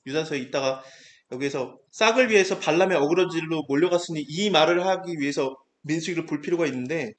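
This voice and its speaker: A man with a fairly high voice teaches a Bible passage in a relaxed, conversational way. He bursts into the quoted lines with lively changes of tone. The sound rings in a roomy, echoing space. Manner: animated, acts out quoted speech.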